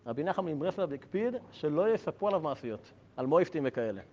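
A lively man with a slightly high voice teaches Torah, joking as he goes. He tosses rhetorical questions to his listeners, and the recording is lo-fi and dull.

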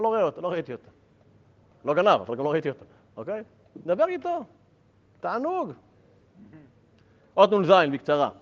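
A man teaches Torah with energy and humor in a slightly high voice. Rhetorical questions and jokes aimed at his listeners fill the talk, which comes through a dull, lo-fi recording.

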